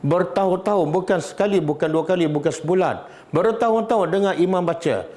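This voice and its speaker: A man with a Malaysian Malay accent leads a Quran study lesson. His voice sits a little higher than most men's. He keeps asking his listeners questions and repeats the key words as he explains. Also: a little fast, darkish tone. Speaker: religious teacher.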